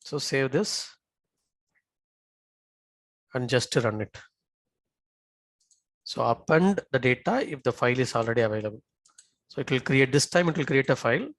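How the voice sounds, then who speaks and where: A male software instructor narrates a live on-screen demonstration at a moderate pace, his middle-pitched voice lively in intonation and marked by long pauses. The recording is dry, with no room sound. He frequently stops to make sure learners are following, checking in with short tag questions.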